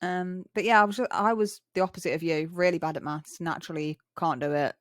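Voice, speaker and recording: A young English woman with a rough, chav-style slangy accent, chatting casually and candidly. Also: lowish voice, steady tone, fairly quick, no room sound, studio quality. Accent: English, chav-style street slang. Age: young adult. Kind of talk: casual chat.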